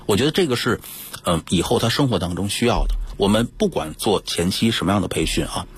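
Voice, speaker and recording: 一位带北京口音的男配音演员兼配音导演，在电台访谈里生动而强调地讲解，嗓音很沙哑。. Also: male voice, fairly low pitch, fairly quick, breathy edge. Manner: animated, emphatic explaining. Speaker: voice actor and dubbing director. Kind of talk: radio interview talk. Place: radio studio.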